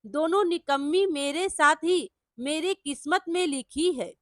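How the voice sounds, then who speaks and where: A woman voicing a gruff, short-tempered village trader husband in a storybook tale, speaking harshly and scolding. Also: high voice, a little slow, fairly bright tone, no room sound, clean studio sound.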